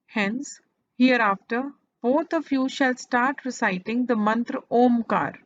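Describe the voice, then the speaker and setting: A woman, reading and retelling a religious scripture in a measured devotional narration with deliberate pauses. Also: fairly high pitch, no echo, highs cut off. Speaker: scripture reader.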